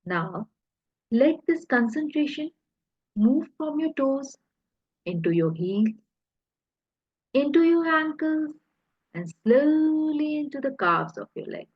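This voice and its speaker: A husky, breathy woman with a high voice and big pitch swings guides a hypnosis relaxation session very slowly. She speaks soothingly and deliberately in short phrases separated by pauses, and the audio is echoey and slightly muffled.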